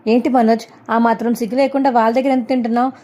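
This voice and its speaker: A woman's voice: on the high side, flat delivery, racing, mellow, pitched above the performer's own voice, close to an everyday voice. Woman doing a resentful young wife.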